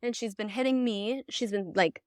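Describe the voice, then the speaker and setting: A woman's voice: medium pitch, moderate pace, a little mellow, clear, resonant tone, no echo, studio quality. Candid young mother chatting frankly. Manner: candid, frank, swears casually. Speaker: podcast guest. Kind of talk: casual chat.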